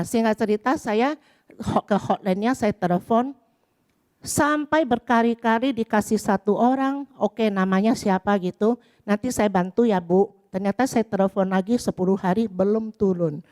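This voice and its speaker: A woman's voice: on the high side, a little mellow. A middle-aged woman giving a chatty spoken testimony in church, acting out the dialogue as she tells it. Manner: storytelling, chatty, acts out dialogue.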